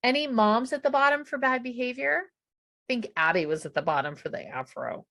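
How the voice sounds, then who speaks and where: A middle-aged woman co-hosting a podcast, chatting casually and acting out quotes with quick reactions. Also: a little high, animated, fairly bright tone. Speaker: podcast co-host. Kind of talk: casual chat recapping a reality show.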